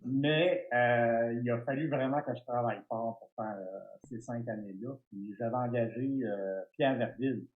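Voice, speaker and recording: A middle-aged man with a Québécois French accent, a guest telling stories in an interview, animated and stumbling over restarts. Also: medium pitch, normal speed, hardly any pauses, phone-quality sound. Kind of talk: storytelling interview.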